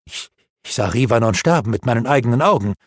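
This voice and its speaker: An earnest young elf wizard stammers and pleads in a husky voice, as a man reads him in an audiobook. The sound is dry and close, the pitch fairly low but moving. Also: big pitch swings, moderate pace, no echo. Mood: pleading. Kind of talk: audiobook reading.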